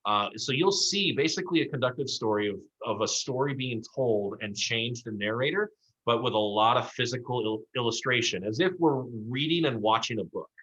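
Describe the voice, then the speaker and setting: A man's voice: mid-range voice, normal speed, fairly bright tone, highs cut off. A man co-hosting a casual recap, talking through performers with encouraging, rambling remarks and plenty of fillers. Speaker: improv league coach and co-host.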